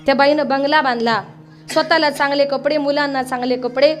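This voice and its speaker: A woman giving a devotional kirtan, telling a story in a lively way and breaking into sung verses. Her voice sits high, and a faint instrument plays behind her. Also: fairly quick, soft background music. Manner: animated storytelling, rising into song. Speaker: kirtan preacher.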